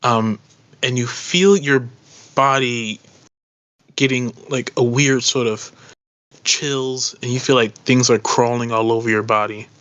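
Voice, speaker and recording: A man's voice: mid-range voice, fairly even intonation, a little slow, a bit bright, clean tone. A man narrating as game master of a tabletop role-playing game, hesitant with many ums and uhs.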